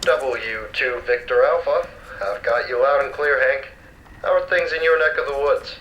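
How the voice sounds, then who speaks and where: A friendly ham radio operator answers over the radio in an easygoing, relaxed way. His voice sounds distant and roomy, with a faint hiss under it, and sits at a middling pitch. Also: moderate pace. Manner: easygoing, uses radio call signs. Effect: voice heard over a ham radio.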